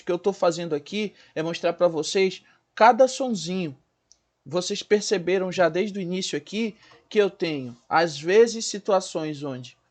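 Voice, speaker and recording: High-voiced male teacher. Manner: explains slowly, spells out sounds and asks the class questions. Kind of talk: recorded school lesson.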